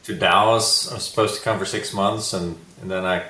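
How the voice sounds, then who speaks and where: A man from Sweden, a guest entrepreneur, telling his story in a relaxed, reflective interview. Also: sits low, a little fast, echoey room, rough recording. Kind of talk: casual interview chat.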